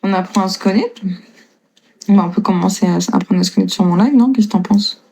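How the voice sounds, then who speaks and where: A young woman in her twenties with a light northern French lilt chats loosely on a live stream, answering viewers' comments and laughing easily. Her voice sits at an ordinary pitch with a mellow, darker tone. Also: brisk, creaky, husky. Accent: slight northern French (Lille). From northern France. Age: 20s. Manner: chatty, laughs often, reads and answers comments. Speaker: livestreamer.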